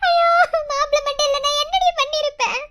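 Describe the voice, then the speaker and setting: A woman's voice: very high voice, fairly even intonation, quick pace, fairly bright tone. A woman voicing a distraught middle-aged village mother in a cartoon, who laments and scolds through tears. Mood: wailing scolding. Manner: lamenting scolding, crying while talking.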